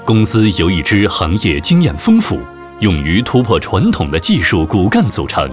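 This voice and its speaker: Man, very deep voice, corporate ad narration, music under it. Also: normal speed. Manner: formal, steady announcer delivery. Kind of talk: scripted corporate voice-over. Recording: voice-over with background music.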